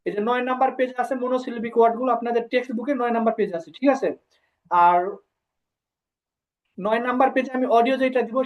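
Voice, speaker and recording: Woman teacher repeating syllables, dull sound. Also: a little high. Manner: explains slowly, repeats syllables for students to copy. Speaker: language teacher. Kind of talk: online class lecture.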